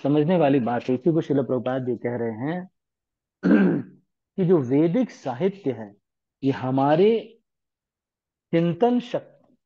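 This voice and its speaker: A man's voice: fairly high pitch, dull audio. A man giving a devotional scripture class in a conversational way, often asking his listeners rhetorical questions. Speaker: lecturer on scripture. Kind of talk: devotional Hindi lecture.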